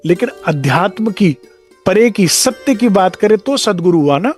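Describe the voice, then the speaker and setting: A man's voice: high voice, expressive, a little slow, darkish tone, soft background music. A man giving a devotional discourse as a spiritual teacher, talking conversationally and acting out short dialogues.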